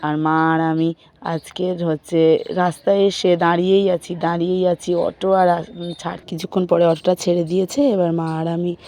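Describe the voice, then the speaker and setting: A woman's voice: fairly low pitch, level tone, moderate pace, mellow. A young woman with a sore throat, chatting through her day in a casual vlog and recounting her chores and family talk. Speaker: vlogger. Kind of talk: casual daily vlog narration.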